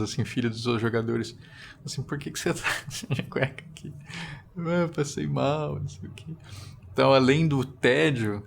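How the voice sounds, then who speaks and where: A man with a Brazilian Portuguese accent conducts a casual family interview. He asks short, plain questions and tells a memory of his own. Faint noise sits in the background. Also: mid-range voice. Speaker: interviewer, host.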